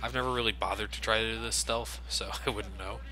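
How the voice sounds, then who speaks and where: This Let's Play commentator has a fairly low, steady voice and talks fast with a sharp edge, tossing off sarcastic jokes and plenty of profanity while he plays. Video game gunfire and ambience run under his voice, and the audio quality is poor.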